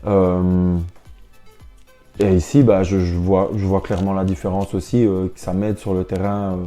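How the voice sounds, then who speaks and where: This young interview guest, a professional basketball player, has a low-pitched, dark voice that barely moves in pitch and a moderate pace. He reflects casually, repeating words as his sentences take shape, while soft music plays behind him.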